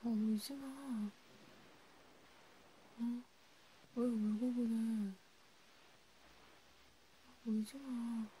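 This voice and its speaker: A woman in a whispered role-play, comforting a friend softly and soothingly, slipping between a quiet voice and a whisper. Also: on the high side, fairly even intonation, very slow, long pauses, slight background noise, rough recording. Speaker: ASMR creator.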